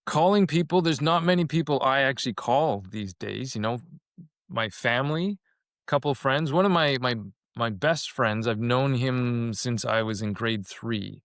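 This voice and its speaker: A man's voice: medium pitch, unhurried, fairly bright tone, no room sound, clean studio sound. A man in his fifties from Canada, talking reflectively as a podcast guest and often repeating a word as he starts a thought. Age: 50s. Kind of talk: casual conversation.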